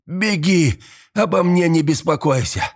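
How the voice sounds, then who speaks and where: A man's voice: lowish voice, slow pace, gravelly, a little mellow, full character voice. A beaten young man speaks through pain, his voice strained and tight, as a male reader plays him in an audiobook. He stays loyal and urgent.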